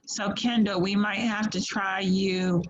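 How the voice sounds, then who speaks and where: A woman's voice: mid-range voice, flat delivery, measured pace. A woman teaching an online class on a video call, patiently encouraging students and sorting out audio trouble. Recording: slightly muffled call audio, faint noise.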